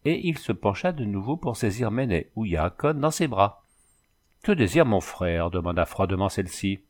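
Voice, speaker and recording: A man narrating a novel as an audiobook in a measured, literary way. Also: fairly low pitch, expressive.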